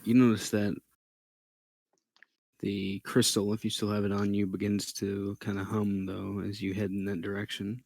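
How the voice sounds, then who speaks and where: A man narrating a tabletop game as game master, halting and thinking aloud as he describes scenes. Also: lowish voice, monotone, creaky, darkish tone, no room sound.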